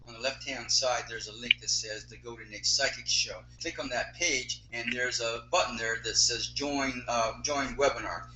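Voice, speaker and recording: A man hosting a live call-in show over a speakerphone, halting and often repeating his words as he restarts. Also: mid-range voice, fairly even intonation, sharp tone, soft background music. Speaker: host. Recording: roomy speakerphone echo, faint hiss.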